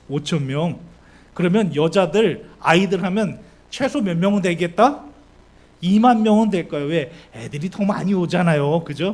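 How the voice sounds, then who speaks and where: A male pastor gives a sermon in a church with a fairly high voice. He keeps asking the congregation questions and briefly acts out the voices of the people in the story. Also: a little mellow. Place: church sanctuary.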